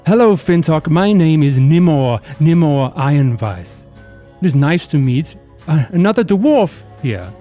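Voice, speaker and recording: An imperious dwarf overseer, voiced by a male game master for a tabletop game. He is deliberate, formal and suavely menacing, in a fairly high, mellow voice. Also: big pitch swings. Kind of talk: tabletop role-play. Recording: music behind the voice.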